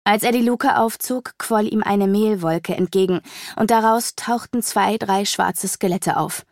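A female audiobook narrator reads a dark fantasy story dramatically, measured and storytelling in manner, slowing down as tension rises. Her medium-pitched voice has a gravelly fry, and the recording is dry and close with no room sound or echo.

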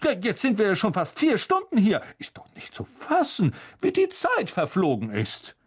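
A man's voice: high voice, wildly swooping pitch, moderate pace, breathy edge, pitched above the performer's own voice, exaggerated voice. A man voicing a vain, self-admiring teacher who talks in a lofty, pompous way. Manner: pompous, airy.

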